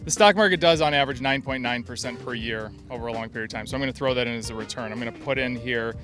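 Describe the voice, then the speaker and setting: A man in his thirties hosting a street interview outdoors on a city street, asking quick questions and running through numbers in an upbeat way. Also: medium pitch, music in the background. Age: 30s.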